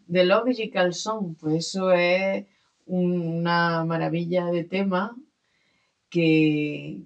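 Man, high voice, gravelly, muffled lo-fi radio sound, guest telling stories. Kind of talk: casual radio chat.

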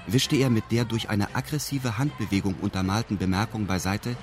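In a low-ish, natural voice with fairly even intonation, a man narrates a radio drama in first person at a slightly quick pace. He plays a detached figure relating events formally and with pedantic precision.

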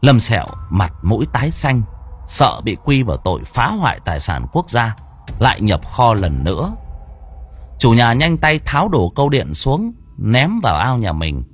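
A man's voice: mid-range voice, wildly swooping pitch, moderate pace, breathy edge. A man narrating a folk ghost story for an audio book, telling it dramatically.

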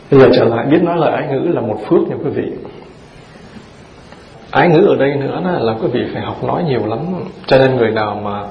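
A man's voice: medium pitch, noisy background. A man, a Buddhist monk giving a dharma talk, firing rhetorical questions at his audience in a folksy, humorous way. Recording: roomy dull hall recording with audience present.

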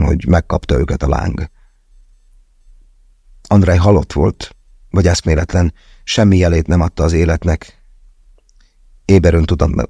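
A man narrating a first-person thriller audiobook in a measured, tense way with slow, deliberate pauses. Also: deep voice, creaky, warm tone, breathy edge, no echo, clean studio sound.

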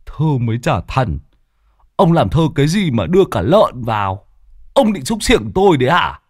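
A man's voice: mid-range voice, big pitch swings, normal speed, slightly rough, no room sound, studio quality, voice pushed up. A man voicing a touchy middle-aged cook who snaps and grumbles resentfully. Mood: irritated.

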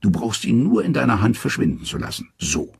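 A man voicing a proud, grim male dwarf smith who speaks slowly and solemnly. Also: mid-range voice, huge pitch swings, gravelly, slightly rough, pitched above the performer's own voice, heavily acted.

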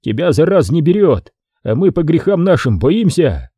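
A man's voice: fairly high pitch, sing-song, moderate pace, warm tone, slightly rough, dry recording, pitched above the performer's own voice. A man doing a timid, pious old-style peasant. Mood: pleading. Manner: pleading, folksy.

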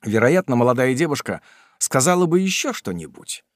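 A man narrating a classic novel in an expressive storytelling voice. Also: mid-range voice, fairly quick, no echo, clean studio sound. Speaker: audiobook narrator.

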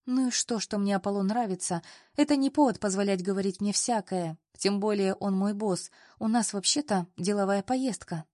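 A woman reading the part of a flustered, clumsy young female assistant in an audiobook, excitable and embarrassed. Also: medium pitch, dry recording, studio quality, natural voice. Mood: protesting. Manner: excitable, embarrassed, quick to protest.

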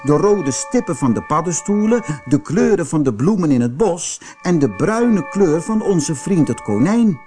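A man voicing a brave, eager young boy in a raised, excited voice. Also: on the high side, measured pace, soft background music, voice pushed up.

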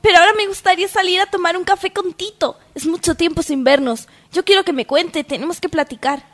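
Radio soap daughter, played by a woman: extremely high, sweet, polite young female, long reverb. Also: brisk, fairly bright tone. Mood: affectionate. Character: sweet, apologetic young daughter back home. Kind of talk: amateur radio soap opera acting.

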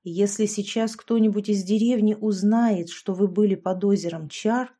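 A woman voicing a coolly mocking young man who speaks with icy calm. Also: mid-range voice, moderate pace, natural voice.

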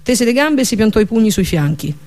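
A man narrating a fantasy audiobook with a steady, even reading manner. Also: high-pitched, fast talker. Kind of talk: scripted narration of a fantasy novel.

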